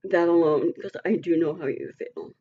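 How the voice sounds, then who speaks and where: A woman's voice: sits low, expressive, moderate pace, breathy edge, phone-quality sound. A middle-aged woman talking earnestly and emotionally to her online community in a casual, rambling vlog. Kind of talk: casual heartfelt vlog talk.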